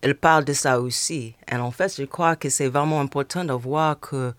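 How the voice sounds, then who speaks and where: A man, a native English speaker, discussing literature as a panel guest in halting, foreign-accented French with English words slipped in. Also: medium pitch, fairly even intonation, a bit bright, dry recording.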